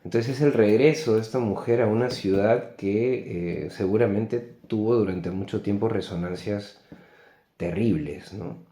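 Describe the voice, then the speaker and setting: A man from Peru, with a Peruvian Spanish accent, gives an unscripted book review, reflective and halting, often tossing in tag questions. His voice is lowish and warm, and the recording is echoey and roomy.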